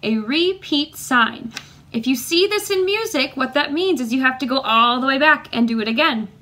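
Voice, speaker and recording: A woman music teacher leading a children's lesson, speaking slowly and clearly and chanting rhythms for the class to copy. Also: sits high, animated, pushed and bright.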